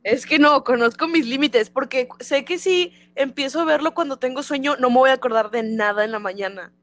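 A woman's voice: sits high, brisk. Young woman, skeptical and matter of fact, chatting on a podcast. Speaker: podcast co-host. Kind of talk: casual chat.

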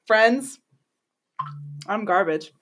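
A woman's voice: mid-range voice, expressive, very slow, a bit bright. A young woman hosting a podcast, chatting casually with a friend, giggly and swearing freely. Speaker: podcast host. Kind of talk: casual chat.

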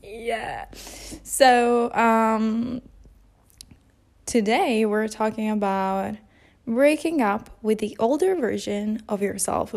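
Her mid-range voice carries a darkish tone as she hosts a relaxed, unscripted podcast from the couch at home. She is a young Italian woman in her early twenties, chatty and self-deprecating, recorded without a decent mic.

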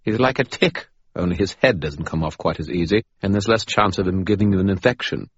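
A man's voice: low-pitched, brisk, breathy edge, lo-fi sound, voice pushed up. A man voicing a sarcastic, patronizing male spirit who lives in a skull.

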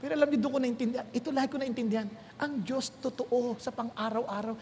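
A middle-aged man preaching a sermon, telling stories with laughter and lively swings. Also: very high-pitched, fast talker, a little hiss or hum. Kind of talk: sermon in mixed Tagalog and English. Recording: long hall reverb.

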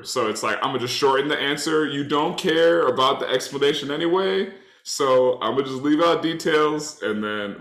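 A man with a stuffed-up nose co-hosts a podcast, chatting casually and slangily and rambling through his points. His mid-range voice is a bit bright and sounds congested and blocked, in reverberant audio.

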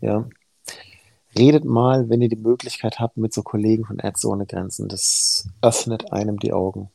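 A man's voice: fairly low pitch, level tone, moderate pace, vocal fry, mellow, slightly rough, dry recording, poor audio. A man in his thirties, a heart surgeon, talking frankly and earnestly in a podcast conversation.

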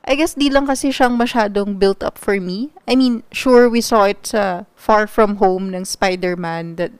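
A woman's voice: mid-range voice, normal speed, clean tone, no echo. Skeptical Filipino woman co-host. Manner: skeptical, chatty, switches between English and Tagalog. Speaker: podcast co-host. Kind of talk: casual pop-culture chat.

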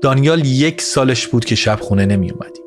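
A furious, wronged middle-aged mother, voiced by a man reading an audiobook, hurling bitter accusations in a low voice. Music plays clearly behind her. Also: lightly acted. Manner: angry, accusing, cutting.

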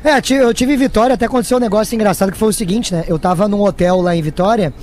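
Southern brazilian guy, really high pitched, talks fast and slangy, comic storytelling. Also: a little mellow, a little hiss or hum. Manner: slangy, colloquial. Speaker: comedian and radio show panelist. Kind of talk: casual comic anecdote and banter.

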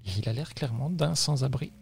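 A man's voice: medium pitch, quick pace, gravelly, a little mellow, faint music behind. A man narrating a tabletop role-playing game as game master, with many hesitations. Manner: hesitant, full of fillers.

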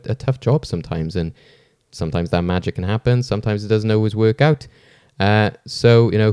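A man's voice: fairly low pitch, dark tone, clear, resonant tone, no room sound, studio quality. A man hosting a podcast in an informal, rambling, chatty way. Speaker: podcast host. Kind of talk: casual hosting chat.

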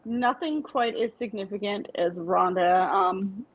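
A woman's voice: mid-range voice, measured pace. Lady chatting easygoing and kinda rambly, muffled audio. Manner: easygoing, rambling, self-deprecating. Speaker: paranormal investigator. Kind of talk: casual chat.

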